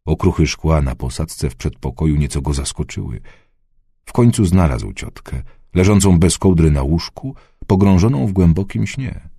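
Deep, husky male audiobook narrator. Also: animated, moderate pace, warm tone, no room sound, studio quality. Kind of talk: scripted narration.

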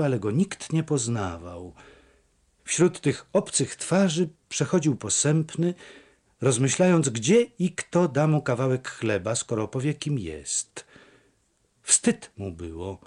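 A man reading a classic novel aloud, slowly and expressively. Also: medium pitch, darkish tone. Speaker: audiobook narrator. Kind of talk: scripted narration of a classic novel.

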